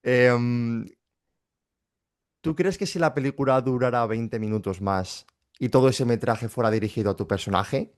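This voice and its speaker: A man interviewing an actor, asking questions in a relaxed way. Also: mid-range voice, normal speed. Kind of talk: casual interview.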